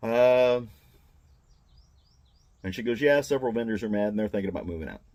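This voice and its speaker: Low-voiced older man telling a grievance. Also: fairly quick, a little mellow. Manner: plain-spoken, meandering, aggrieved. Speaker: mall booth vendor. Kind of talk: casual first-person storytelling.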